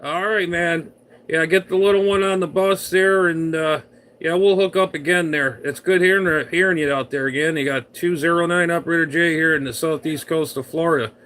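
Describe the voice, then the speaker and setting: A man's voice: a little high, fairly even intonation, normal speed, a bit bright. A man making repetitive CB radio call-outs and chatting in a folksy, casual way, with shortwave radio static around him. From United States. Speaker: CB radio operator livestreaming. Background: radio static and hiss.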